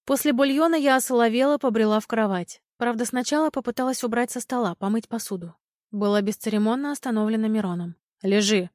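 A woman's voice: on the high side, quick pace, darkish tone, no room sound. A woman narrating a first-person audiobook in a wry, ironic manner, close to the mic.

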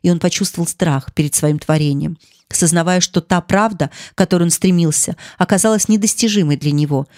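An audiobook narrator reading a classic novel in a measured, expressive way. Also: mid-range voice, no room sound, clean studio sound.

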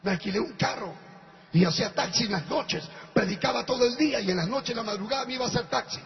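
A male pastor preaching a sermon, telling a testimony and building up to fervent shouting, with a gravelly voice. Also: very high-pitched, quick pace, faint music behind. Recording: muffled echoey hall with faint noise.

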